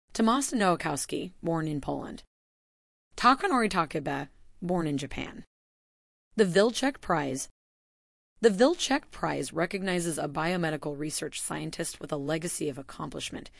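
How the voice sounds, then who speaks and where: A woman narrating a scripted announcement as a voice-over, in a measured, formal delivery that slows down to stress names. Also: low voice, dry recording, studio quality.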